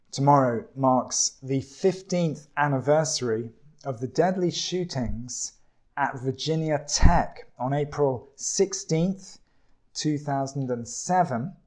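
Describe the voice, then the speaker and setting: Slow, deliberate male preacher. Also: medium pitch, a little mellow. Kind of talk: sermon.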